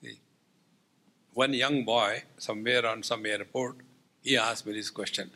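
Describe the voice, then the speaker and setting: A man's voice: fairly low pitch, steady tone, measured pace, bright, forceful tone. A man with an Indian accent giving a spiritual discourse as a swami, telling humorous anecdotes in a wry, teasing way with rhetorical questions.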